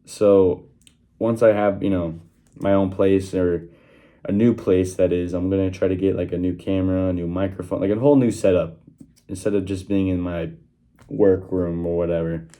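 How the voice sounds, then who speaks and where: A man's voice: low-pitched, little pitch movement, normal speed, warm tone. A young man talking casually to his channel's viewers in a workroom, recorded on his phone, with many fillers and restarts. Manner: conversational, with frequent fillers and restarts. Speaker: channel host giving sports predictions. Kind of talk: casual one-take vlog talk. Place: small workroom at home.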